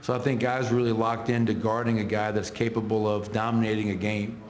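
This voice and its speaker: In a reverberant arena press room, a middle-aged head coach speaks fairly quickly in a lowish, flat voice. He answers reporters after the game, running through stats in short, clipped phrases into the table microphones.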